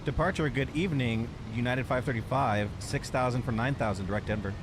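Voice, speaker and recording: A man with a voice of ordinary pitch speaks into a pilot's cockpit headset, reading back tower clearances in tight, clipped radio phrasing. His calls are crisp and businesslike. A steady wash of background noise sits under every word. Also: brisk. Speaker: flight-sim streamer playing airline pilot.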